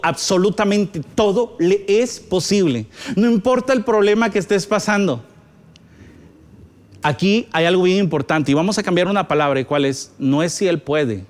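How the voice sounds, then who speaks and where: High-voiced male preacher, Guatemalan Spanish. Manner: preaching with rising and falling emphasis, reading scripture aloud. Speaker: pastor. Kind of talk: sermon.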